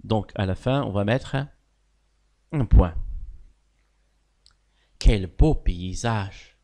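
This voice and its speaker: With a lowish voice and drawn-out words, a primary school French teacher walks pupils through sentence types in a French grammar class. He stresses key words with sudden loud lifts and praises their answers.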